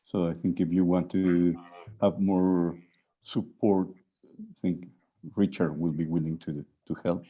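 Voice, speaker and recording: Guy on a call, really deep and husky, careful speech. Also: steady tone, measured pace, phone-quality sound. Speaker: discussion participant. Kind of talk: video call discussion.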